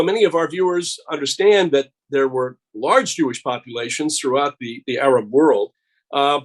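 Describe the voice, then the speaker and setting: A man hosting an interview, asking measured, polite questions with a few fillers. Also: a little high. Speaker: interviewer and host. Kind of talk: conversational interview.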